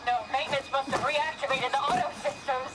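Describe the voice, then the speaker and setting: An actress playing a panicked pilot in a failing aircraft for a video game, urgently shouting orders. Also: female voice, high-pitched, fairly even intonation, a little fast, over loud music, natural voice. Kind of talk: video game character acting.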